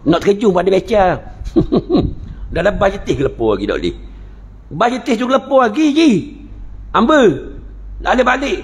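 A man's voice: high-pitched, creaky, fairly bright tone. A man with a Terengganu Malay accent, a religious teacher giving a humorous lecture, joking and telling stories in dialect between points of teaching. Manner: joking, storytelling, playful dialect asides.

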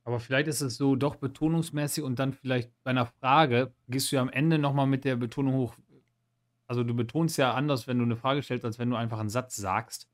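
A man with a mid-range voice jokes his way through a quiz on a casual podcast. He throws out quick guesses and keeps the talk loose. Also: mid-range voice, steady tone. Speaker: podcast co-host.

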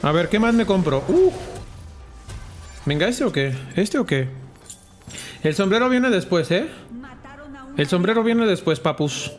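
Mexican man streaming his game, high animated voice, rattles off repeated words, curses freely, faint game music behind. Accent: Mexican Spanish. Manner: excitable, rapid repetitions, frequent swearing, mixes in English words. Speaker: gamer streamer. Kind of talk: live gameplay commentary.

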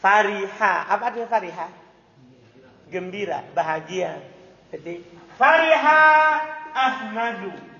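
A man's voice: high voice, lively intonation, a little slow, pauses often, sharp tone. A man teaching Arabic grammar in a classroom, constantly quizzing his students with repeated questions. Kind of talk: classroom lesson. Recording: echoey hall, dull lo-fi sound.

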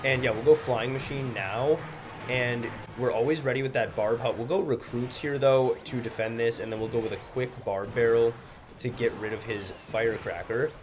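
A man's voice: mid-range voice, fairly even intonation, normal speed. A young man with a slightly congested, stuffy nose gives casual gameplay commentary as a gaming video host. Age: young adult. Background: loud music.

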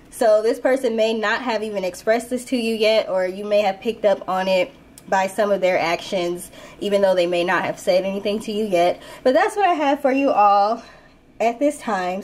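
A woman's voice: medium pitch, darkish tone. A woman hosting a casual spoken tarot reading as the reader. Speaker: tarot reader and channel host.

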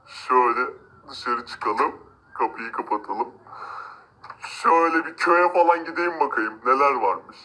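A man's voice: medium pitch, a little slow, sharp tone, low-quality recording. A man voicing an arrogant, cruel rich man who gloats, mocks and threatens villagers in a game-video drama. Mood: smug. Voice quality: gloating, mocking laughs. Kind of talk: amateur game role-play narration.

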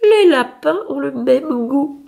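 Woman putting on a sly hungry fox, draws his words out slow, gloating. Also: high-pitched, animated, creaky, mellow, pitched above the performer's own voice, heavily acted.

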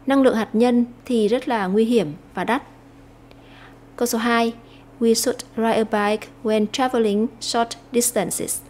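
A Vietnamese woman teacher explaining an English lesson, slowing down to read English phrases aloud. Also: on the high side, fairly even intonation, darkish tone.

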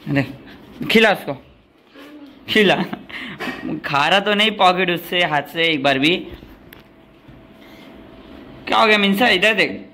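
A man's voice: sits high, measured pace, long pauses, slight background noise. Chatty vlogger man. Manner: chatty and excitable, calls viewers "bhai", laughs often. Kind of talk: casual vlog narration to viewers.

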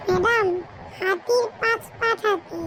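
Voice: extremely high pitch, steady tone, measured pace, background noise. A voice actor playing a silly, dim-witted young job seeker who stammers cluelessly. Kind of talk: comic cartoon dub.

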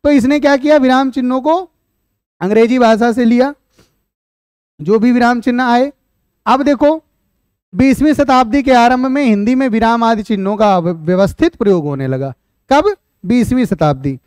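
High-voiced man teaching a Hindi class. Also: moderate pace, long pauses, darkish tone, clean tone, no echo, clean studio sound. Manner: explains then repeats questions back to students; chatty asides addressing viewers as "beta". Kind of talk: online exam-prep class.

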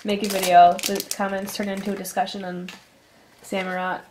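A woman's voice: mid-range voice, level tone, fairly quick, background noise. Young woman, chatty, casual, laughs often, wrappers crinkling close by. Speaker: channel host. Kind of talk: casual chat while opening cards.

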